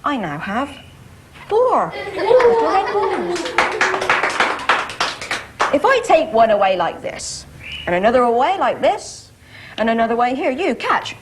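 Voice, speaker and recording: Lively high-voiced kids party magician, a woman. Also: normal speed, background noise. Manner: step-by-step narration with theatrical magic words. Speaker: magician performing tricks. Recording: music playing behind the voice.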